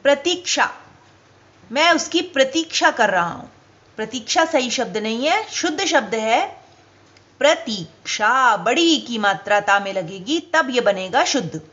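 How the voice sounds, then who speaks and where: A woman teacher giving a spelling lesson to children, speaking slowly and deliberately and stressing each example word. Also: fairly high pitch, big pitch swings, fairly bright tone, dull audio.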